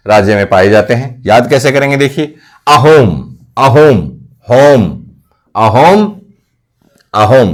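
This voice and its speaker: A male coaching teacher explaining memory tricks for exam facts. He keeps asking questions and answering them himself, repeating key words. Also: mid-range voice. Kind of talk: mnemonic lesson for competitive exams.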